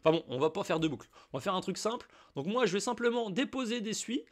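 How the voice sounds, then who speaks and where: Speaking fast with lively intonation in a high-pitched voice, this man from France talks viewers through cryptocurrency on a relaxed screen recording. He's chatty and informal, peppering his explanations with plenty of fillers.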